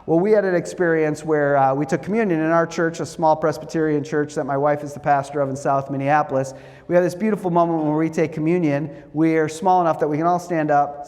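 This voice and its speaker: A middle-aged man lectures in a wry, lively storytelling manner. His fairly high voice rings out with a long reverb, as if heard across a church sanctuary. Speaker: guest lecturer.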